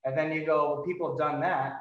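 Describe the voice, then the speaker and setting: Talking fast in a higher-than-average voice with fairly even intonation, a man hosts an interview podcast, casually rambling, hesitating and putting himself down. The indoor, in-person recording has a distant microphone with no windscreen, so the audio is echoey and dull.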